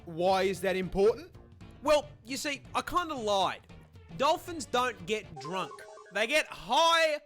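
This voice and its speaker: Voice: medium pitch, sing-song, slow pace, fairly bright tone, faint music behind. A narrator delivering scripted comedic narration in a punchy, sarcastic and sweary manner. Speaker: narrator of an animal video.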